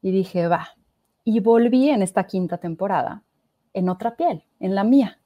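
Lively Mexican woman, mellow voice. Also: mid-range voice, normal speed, no room sound. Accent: Mexican Spanish. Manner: expressive storyteller, acts out quoted voices. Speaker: guest. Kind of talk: casual conversational interview.

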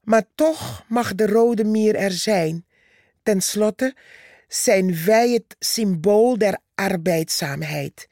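Storybook: woman voicing a tiny defiant ant, calm and slow. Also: medium pitch, dry recording, studio quality. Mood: cheeky. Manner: calm, cheeky, unimpressed. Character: tiny bold female red ant, hard-working and defiant.

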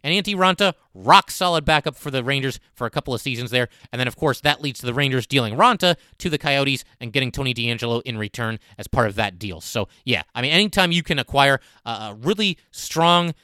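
A man's voice: mid-range voice, expressive, fairly quick, few pauses, sharp tone, no echo, studio quality. A man hosting a sports podcast in a top ten countdown style, giving emphatic, conversational fan commentary.

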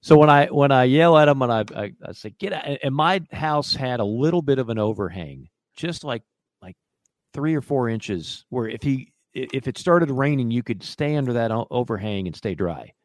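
A man co-hosting a sports radio show, telling a long personal story in a casual, animated way. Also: medium pitch, normal speed, no room sound. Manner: animated storyteller who acts out quoted voices.

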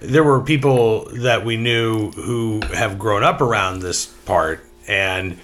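A man's voice: fairly low pitch, takes it slowly, a bit bright. A man hosting a podcast, chatting casually and easily with his co-host. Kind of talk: casual chat.

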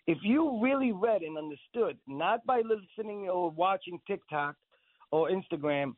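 An Israeli actor and director, guesting on a radio interview, speaks in a high-pitched, expressive voice at a moderate pace. Heard over a tinny phone line with a dry sound, he talks earnestly and insistently, repeating words to press his points.

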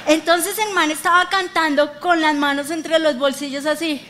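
A woman's voice: high voice, steady tone, normal speed, sharp tone, slight background noise. A woman pastor preaching a sermon, telling stories animatedly and talking straight to her congregation. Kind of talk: lively sermon with acted-out dialogue. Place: church.

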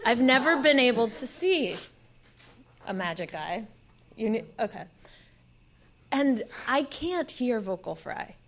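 A woman talking casually as a podcast panelist, animated and emphatic in her delivery. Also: fairly high pitch, takes it slowly, long pauses.

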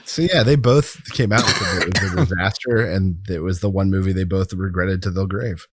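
A podcast host chats casually about films, leaning on key words informally. His voice sits low and has a breathy edge, and he talks fairly quickly.

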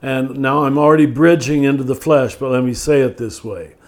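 An older man, a spiritual teacher, talks in a podcast conversation with a thoughtful, measured manner, slowing down to stress key words. His mid-range voice is a little mellow.

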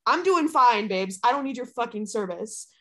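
A woman in her early twenties from the US Midwest, with a somewhat high voice at normal speed, co-hosts a casual podcast over a computer video call. She's giggly, slangy, and profane.

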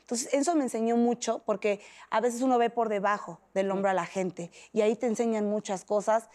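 A middle-aged woman with a Mexican accent, fairly high-voiced, tells her story as a guest. She talks in a lively, animated way and acts out the voices of people she quotes. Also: brisk. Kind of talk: emotional personal storytelling.

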